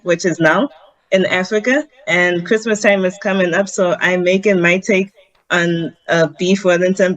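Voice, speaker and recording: The speaker is a Zimbabwean woman, a vegan chef, interviewed by video call at her home in Harare; her voice sits low and the highs are cut off. Her answers are earnest step-by-step explanations peppered with ums.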